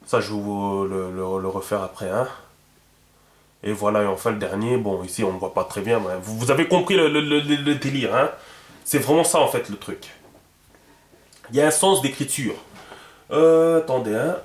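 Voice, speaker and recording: A man's voice: fairly low pitch, normal speed, pauses often, reverberant. A man giving a casual video lesson on writing symbols, chatty and full of fillers, often repeating himself as he explains. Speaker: teacher.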